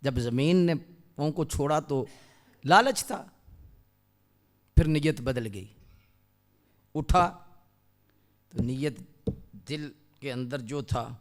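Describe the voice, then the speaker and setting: A man preaching a storytelling sermon, dropping to hushed tones and rising to loud cries. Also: medium pitch, long pauses.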